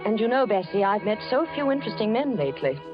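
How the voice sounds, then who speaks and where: A woman's voice: mid-range voice, very animated, fast, close to an everyday voice. An actress playing a genteel young woman in a 1940s radio drama, narrating her letters in a gushing, admiring way. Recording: muffled 1940s radio broadcast with music.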